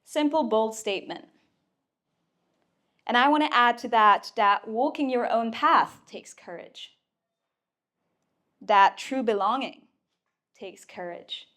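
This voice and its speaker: A woman's voice: a little high, slow, pauses often, fairly bright tone. Playful, emphatic woman giving an inspirational talk. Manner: playful, emphatic, casual swearing. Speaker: speaker at a mentoring community event. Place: event room before a live audience.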